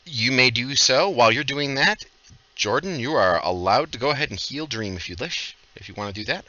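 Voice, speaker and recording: A man's voice: medium pitch, expressive, a little fast, sharp tone, no room sound, muffled recording. A man running a tabletop game as game master, narrating and ruling on the players' actions.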